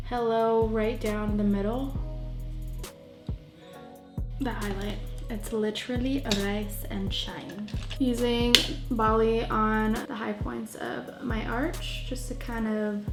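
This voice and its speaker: A woman's voice: on the high side, fairly even intonation, takes it slowly, roomy sound, music in the background. A woman chatting playfully through a casual makeup tutorial, often trailing off mid-sentence. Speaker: beauty vlogger.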